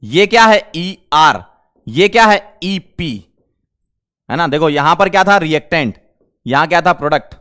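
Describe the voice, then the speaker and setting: A male chemistry teacher lecturing a class, firing quick questions at the students. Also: a little high, expressive, sharp tone.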